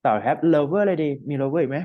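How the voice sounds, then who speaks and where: A man's voice: fairly high pitch, expressive, a little fast, no echo, phone-quality sound. A man giving a casual one-on-one English lesson, explaining with fillers and frequent checks. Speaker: English tutor.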